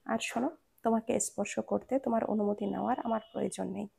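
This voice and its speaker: A woman reading the lines of a bossy male minister who teases and threatens his wife, in a lower, quieter voice. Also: steady tone, fast talker, vocal fry, slightly rough. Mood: stern. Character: stern commanding male minister, teasing husband.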